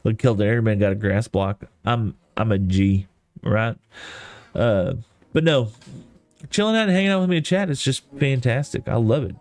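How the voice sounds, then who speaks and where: Over soft lofi music, a man livestreaming a game makes casual, rambling conversation, folksy and self-deprecating, with the Texan accent of East Texas. He speaks at medium pitch and a moderate pace, in a dry recording.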